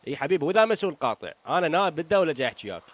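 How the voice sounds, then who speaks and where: A man's voice: on the high side, very animated, rapid-fire, no room sound, narrow, tinny audio. A man playing an arrogant Iraqi lawmaker. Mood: threatening. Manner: dismissive, threatening, boastful. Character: arrogant male member of parliament, threatening.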